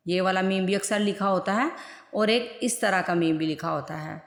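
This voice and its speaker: A woman's voice: mid-range voice, creaky. A woman teaching a Quran recitation lesson, who repeats each rule and keeps putting questions to her viewers. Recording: echoey room with long reverb.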